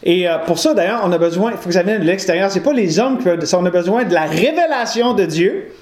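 A man's voice: high voice, animated, fast talker, darkish tone. A man preaching an informal sermon to a congregation, talking in a chatty way, digressing with humor and correcting himself. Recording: roomy echo.

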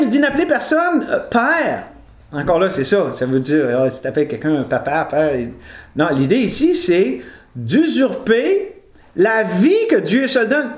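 A man preaching in a loose, conversational way, his voice sitting notably high for a man. He wanders into jokes and corrects himself as he goes. The sound is roomy and echoey, as in a hall. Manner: conversational, digresses with humor and self-correction. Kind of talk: informal sermon to a live congregation. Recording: roomy echo.

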